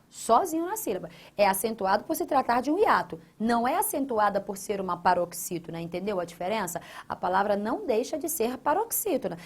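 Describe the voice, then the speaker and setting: A woman's voice: medium pitch, breathy edge. A woman teaching a grammar lesson, emphatic, asking questions and answering them herself, repeating key phrases. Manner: emphatic, asks and answers her own questions; addresses a student by name, repeats key phrases.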